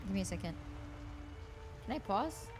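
A woman livestreaming a game with casual, expressive commentary and some swearing. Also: medium pitch, normal speed, over music.

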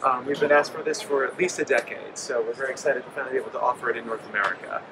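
Rapid-fire delivery, a mid-range voice and a steady tone mark this man in his forties as he presents his company's products with frequent ums. The interviewer's handheld mic picks him up over the din of a crowded convention hall trade show floor.

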